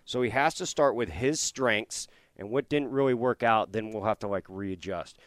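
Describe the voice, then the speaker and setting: A man's voice: lowish voice, moderate pace, no echo. A man giving casual baseball analysis as a show analyst.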